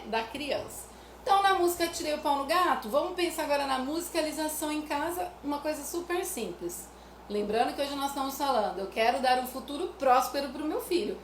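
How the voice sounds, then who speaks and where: A woman from Brazil, explaining music activities for children to parents in a chatty way, often adding "né?". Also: high-pitched. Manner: chatty, repeats "né?" often, sings nursery rhymes as examples. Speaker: music educator. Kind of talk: casual teaching talk to parents. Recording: echoey room with faint noise.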